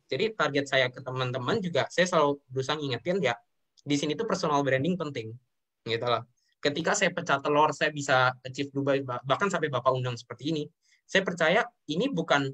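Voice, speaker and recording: A young man from Indonesia talks fast in a slightly high voice. He speaks earnestly and keeps addressing the host politely as he tells his story. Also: bright, forceful tone. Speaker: guest sharing his business story. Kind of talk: emotional interview talk.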